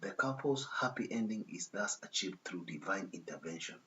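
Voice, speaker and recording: A man's voice: sits low, lively intonation, moderate pace, sharp tone. A man reading a text aloud and breaking off into disapproving commentary, often checking in with "okay?" asides. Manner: disapproving, lecturing tone. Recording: dull lo-fi recording with faint hiss.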